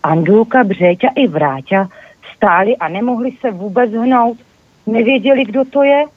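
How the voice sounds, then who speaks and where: A guest author in a lively, animated reading of a children's story over a phone line. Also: medium pitch, no echo.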